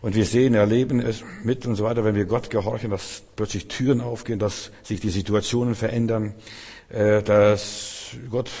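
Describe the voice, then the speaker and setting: A man's voice: fairly low pitch, dark tone, husky. A male preacher giving a sermon, firing off repeated rhetorical questions and speaking straight to his listeners in a church hall. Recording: long hall reverb.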